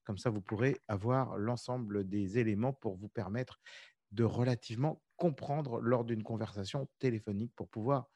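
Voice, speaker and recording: Man, co-host, casual lesson chat, joking interjections, lowish voice, dry close sound. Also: normal speed, warm tone, no room sound.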